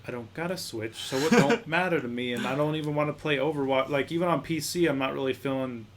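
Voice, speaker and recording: A young man in his twenties co-hosting a podcast, talking in a relaxed, offhand way and often trailing off. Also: mid-range voice, fast, slight background noise. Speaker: podcast co-host. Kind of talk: casual chat.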